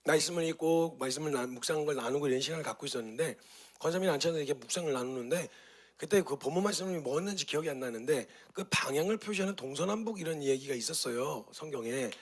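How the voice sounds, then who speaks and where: Fast-talking gravelly male pastor teaching. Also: fairly high pitch. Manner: lively storytelling with rhetorical questions. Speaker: pastor teaching a meditation course. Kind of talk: teaching talk.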